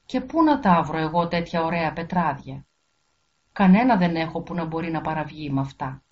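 A woman's voice: deep voice, lively intonation. A woman voicing a flustered, weak king who talks in a defensive, pleading way, on a dull lo-fi recording.

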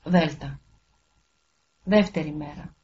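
Woman storyteller reading a fairy tale, low voice, steady, muffled lo-fi audio.

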